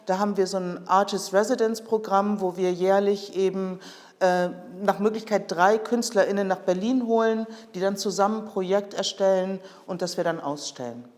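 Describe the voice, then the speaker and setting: A woman's voice: medium pitch, a little mellow. A woman heading a project department, explaining at length in an interview with many fillers. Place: project room in Berlin. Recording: reverberant room sound.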